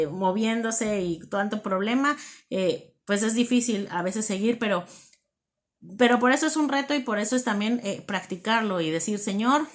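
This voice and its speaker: A woman preaches to couples in an earnest, conversational way. She talks freely rather than reading a script, pauses on fillers, and repeats key words for emphasis. Her voice sits at an ordinary middle pitch for a woman. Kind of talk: devotional talk.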